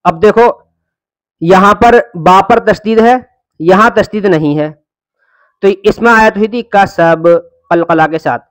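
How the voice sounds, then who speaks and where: A man's voice: sits high, long pauses, a bit bright, no room sound. A man teaching a Quran reading lesson, patiently explaining rules and drawing out syllables as he spells them.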